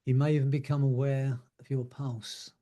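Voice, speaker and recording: A man leading a guided hypnosis relaxation, speaking slowly and soothingly and letting his words trail off softly. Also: mid-range voice, little pitch movement. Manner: slow, soothing, drawn-out phrasing with soft trailing words.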